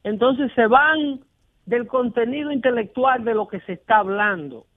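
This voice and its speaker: A high-pitched man hosts a radio show, pushing his opinions hard. He often acts out the callers he quotes. The line is narrow and phone-like, with no room sound at all. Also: normal speed, no echo. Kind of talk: casual radio talk.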